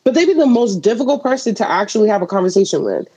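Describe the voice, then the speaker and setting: A woman's voice: mid-range voice, sing-song, very fast, dark tone, husky, poor audio. A young adult woman co-hosting a podcast, talking in casual, reflective run-on thoughts. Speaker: podcast co-host. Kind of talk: casual chat.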